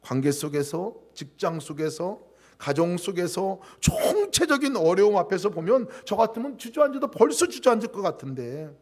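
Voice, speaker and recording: A middle-aged male pastor from Korea preaching a sermon, moving from quiet storytelling to raised emphatic passages and dropping to a whisper for quoted words. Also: sits high, big pitch swings, moderate pace.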